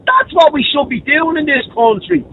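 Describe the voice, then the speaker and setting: A man's voice: very high voice, very animated, moderate pace. A man calling in to a radio show over a phone line, ranting bluntly and swearing. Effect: heard over a phone line. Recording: muffled phone line, faint vehicle noise.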